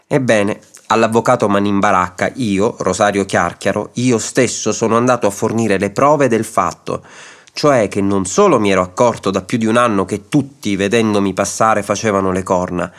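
A man's voice: fairly low pitch, moderate pace, close to an everyday voice. A man voicing a grim, indignant middle man branded a jinx, insistent and stubborn, in a radio story reading.

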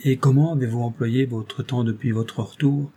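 A man's voice: mid-range voice, fairly even intonation, normal speed, dark tone, a little hiss or hum, natural voice. A man reading a classic novel aloud, voicing an older baronet who questions his young wife fondly and a little reproachfully. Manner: fond questioning, slightly reproachful. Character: older baronet, doting and fond husband. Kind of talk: audiobook character reading.

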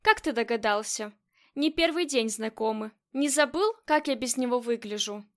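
A cool, commanding lady crime boss with a high, light voice, clipped and self-assured, speaking as an audiobook character voiced by the woman narrating. She never raises her voice and sounds used to being obeyed. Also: normal speed, natural voice. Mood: casual. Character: cold commanding female crime boss, middle-aged.

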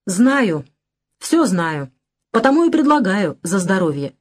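A woman voicing a drunken, unshaven older father who talks in a hoarse, angry bass with slurred bluster. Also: very animated, unhurried.

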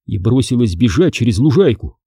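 A man reading a first-person adventure story aloud in an expressive, dramatic way. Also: medium pitch, brisk, vocal fry, slightly rough, dry recording, studio quality. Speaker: audiobook narrator.

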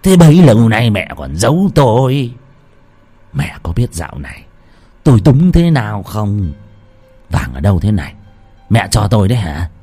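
A man plays a drunk, greedy man in a ghost story, muttering low and gruff. He grumbles under his breath and snaps when crossed, voice heavy with drink. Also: very animated, moderate pace, long pauses, dark tone, faint music behind.

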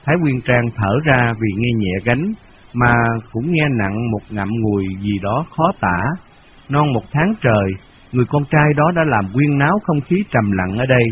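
A man reading a novel aloud in a steady, measured storytelling voice, on a dull lo-fi radio recording. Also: medium pitch, a little hiss or hum. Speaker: narrator.

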